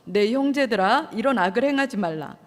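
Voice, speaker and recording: A woman's voice: fairly high pitch, animated, a little fast, in a large hall, lightly acted. A woman preacher voicing an earnest old patriarch who pleads with his neighbors, in a sermon.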